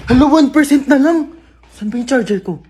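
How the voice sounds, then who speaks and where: A woman acting out comic skits with sassy, quick retorts. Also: high voice, expressive, music in the background. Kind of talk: comedic storytime skits.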